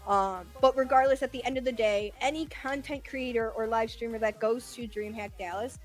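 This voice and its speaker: A woman's voice: fairly high pitch, normal speed, faint music behind. A young woman hosting a podcast, chatting candidly and swearing freely. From United States. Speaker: podcast host. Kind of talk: casual streamer chat.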